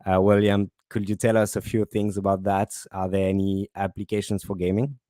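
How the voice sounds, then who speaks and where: A man with a French accent moderating a panel, asking questions with halting restarts. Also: fairly low pitch, level tone, warm tone, no echo, clean studio sound. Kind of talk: online panel discussion.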